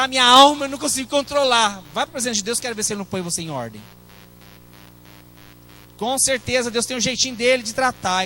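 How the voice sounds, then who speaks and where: A man's voice: sits high, sharp tone, slight background noise, low-quality recording. A middle-aged man with a Brazilian Portuguese accent, a pastor preaching a sermon in a conversational way, with asides to the congregation.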